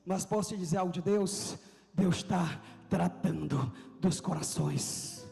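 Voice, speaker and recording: High-voiced man preaching a fiery sermon. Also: slow, gravelly, long reverb tail, soft background music. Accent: Brazilian Portuguese. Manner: impassioned preaching, shouting at climaxes and dropping low. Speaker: pastor.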